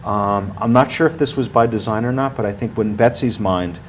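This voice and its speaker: Rambling, low-voiced man. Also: brisk, a little hiss or hum, low-quality recording. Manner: rambling, with many fillers and restarts, gets louder when animated. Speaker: ski area marketing director, guest. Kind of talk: studio interview talk. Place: small TV studio, indoors.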